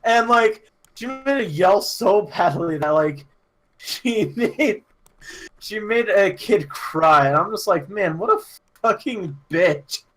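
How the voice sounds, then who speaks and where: A man co-hosting a casual podcast chat, telling a school story with laughs, swearing and yelled impressions. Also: high-pitched, expressive, takes it slowly. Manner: laughing, swearing storyteller who mimics yelling. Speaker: podcast co-host.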